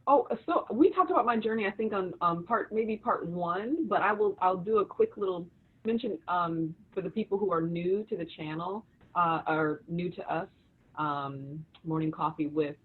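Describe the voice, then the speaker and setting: Brief: husky-voiced woman co-host, animated storyteller, thin call audio. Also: lowish voice, moderate pace. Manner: storytelling, animated with many restarts. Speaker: co-host and author. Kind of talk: casual livestream conversation. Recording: tinny phone-like video call audio.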